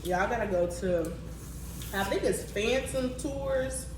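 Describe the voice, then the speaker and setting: An American woman casually chatting to viewers while eating, with savoring mms and animated, slangy talk. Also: on the high side, slow pace. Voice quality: talks with mouth busy eating, frequent savoring mms. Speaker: mukbang vlogger. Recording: roomy, distant mic, clear background noise.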